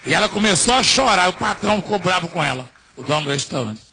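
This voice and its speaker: High husky preaching man, Brazilian accent. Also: lively intonation, fast. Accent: Brazilian Portuguese. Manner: dramatic, swings from hushed to shouting; rhetorical questions to the congregation. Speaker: pastor. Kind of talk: sermon with personal anecdotes.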